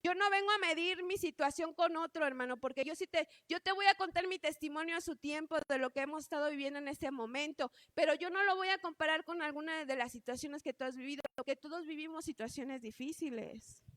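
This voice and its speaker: A woman's voice: high voice, fairly quick, few pauses, a bit bright, dry recording, clean studio sound. A woman preaching a sermon in an earnest way, often calling out to her congregation as brothers.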